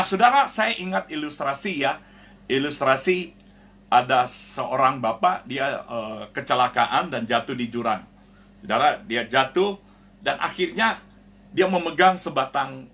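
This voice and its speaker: This pastor's voice sits on the high side and has a fairly bright tone. Broadcasting his sermon online for prayer, he preaches with earnest directness and keeps calling listeners "saudara," brothers and sisters. When he tells stories, he acts out the characters' voices.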